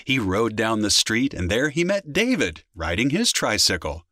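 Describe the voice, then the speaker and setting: Animated man reading a children's story. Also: lowish voice, moderate pace, no room sound, clean studio sound. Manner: animated, expressive.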